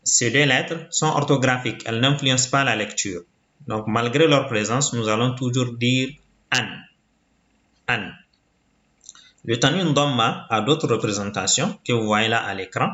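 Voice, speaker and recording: A man teaching a reading lesson in a slow, deliberate way, patiently repeating each sound for the learner. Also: mid-range voice, bright, forceful tone. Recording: muffled, roomy recording.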